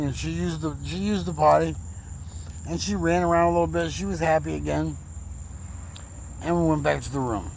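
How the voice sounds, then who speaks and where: With vocal fry in a voice on the high side, a man recounts his own life in a loose, emotional ramble, repeating words, his speech slurred since a recent stroke. The audio is poor, with a little hiss or hum.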